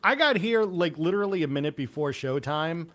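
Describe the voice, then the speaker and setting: A man's voice: a little high, expressive, a little fast, fairly bright tone, no echo. A man co-hosting a livestream in casual chat, making dry wisecracking corrections. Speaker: co-host.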